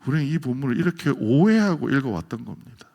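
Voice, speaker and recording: Animated Gyeongsang pastor preaching. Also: male voice, mid-range voice, fast, gravelly. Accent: Gyeongsang Korean. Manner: animated, swinging from loud exclamations to near whispers. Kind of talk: sermon.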